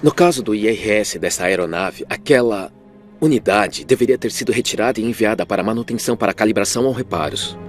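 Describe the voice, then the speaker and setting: A man's voice: lowish voice, fast talker, soft background music, lightly acted. A male actor voicing an explanatory aviation expert in a dubbed interview, with a Brazilian accent.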